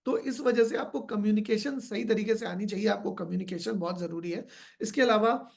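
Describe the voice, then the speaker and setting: A man's voice: sits high, fairly quick, gravelly. Hindi-speaking man giving a training talk. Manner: explains by repeating phrases, rhetorical questions. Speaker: business trainer.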